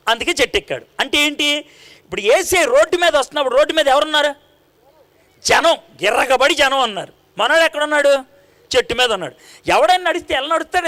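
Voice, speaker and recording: A male preacher with a high, bright, forceful voice delivers a sermon. He tells the story in lively, swooping tones, acting out each exchange and quizzing the listeners. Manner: animated storytelling, acting out dialogue and quizzing the congregation.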